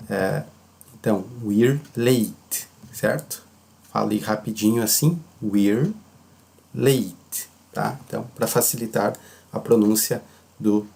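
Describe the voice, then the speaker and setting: Slow, gravelly-voiced male teacher. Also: fairly low pitch, darkish tone. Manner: patient, repeats phrases slowly for learners to copy. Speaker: English teacher. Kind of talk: slow explanatory language lesson.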